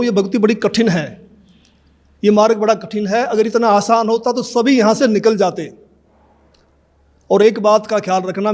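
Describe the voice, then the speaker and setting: High-voiced man in his fifties. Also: darkish tone. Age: 50s. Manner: earnest storytelling, acts out remembered dialogue. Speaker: devotee giving testimony. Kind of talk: personal testimony in an interview.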